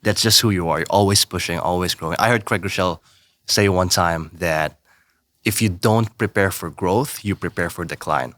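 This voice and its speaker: A man's voice: deep voice, moderate pace, a bit bright, no echo. A man hosting a podcast, enthusiastic and affirming, asking questions with frequent hesitations. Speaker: podcast host. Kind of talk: podcast interview.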